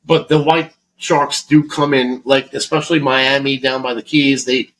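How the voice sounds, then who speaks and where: A man's voice: mid-range voice, flat delivery, moderate pace, a bit bright, slight background noise, low-quality recording. A man from Florida co-hosting a podcast, rambling through a casual chat in a heavily profane, restart-filled way. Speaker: podcast co-host.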